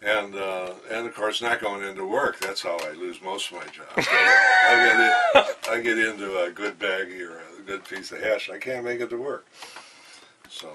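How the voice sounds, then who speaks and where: Interviewed in a hotel room, this older man speaks at a normal speed in a voice on the low side. His anecdotes wander, delivered with enthusiasm and lots of fillers, picked up by a distant mic over faint background noise.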